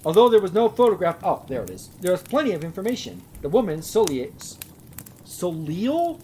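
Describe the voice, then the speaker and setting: A woman's voice: lowish voice, big pitch swings, fast, mellow, a little hiss or hum. A young woman reading a bad story aloud for laughs, breaking off with sarcastic, swearing asides. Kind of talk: comedic live reading with commentary.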